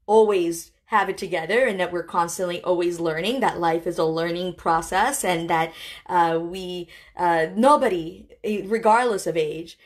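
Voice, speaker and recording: A woman in her thirties talking casually and encouragingly to a live-stream audience, chatty and full of fillers. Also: on the low side. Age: 30s. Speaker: host.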